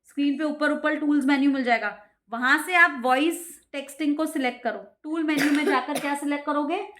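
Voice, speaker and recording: A woman with a high voice tutors a child at home. She reads the English steps slowly and carefully, then explains them in Hindi. She keeps drilling the child by asking the same questions over and over. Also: fairly even intonation, a bit bright.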